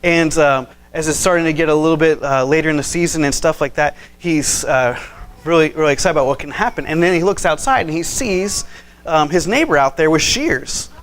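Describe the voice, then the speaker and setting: A man's voice: a little high, a little fast, a bit bright. A man preaching a conversational sermon. He tells stories with animation and acts out the people he quotes, with frequent fillers and restarts. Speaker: pastor.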